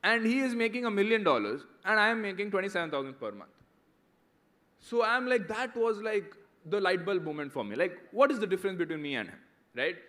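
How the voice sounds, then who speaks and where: A man's voice: high-pitched, big pitch swings, brisk, a bit bright. A man in his thirties with an Indian English accent, speaking to students in a conversational motivational talk, often checking in with "right?". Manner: conversational, keeps asking "right?". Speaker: guest speaker answering students.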